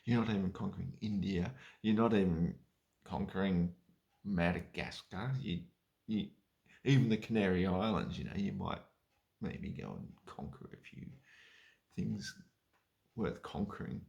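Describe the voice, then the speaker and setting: A man's voice: low voice, a little slow, gravelly, pauses often, a little mellow, muffled recording. A man on a rambling drunken solo rant, sweary and sarcastic, losing his thread and lurching into sudden emphatic bursts.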